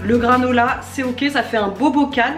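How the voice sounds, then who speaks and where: A woman's voice: a little high, normal speed. A woman in her thirties chatting casually as she cooks at home and explaining each step of a recipe. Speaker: cooking vlogger. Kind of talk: casual cooking vlog. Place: home kitchen, indoors. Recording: echoey kitchen, music behind.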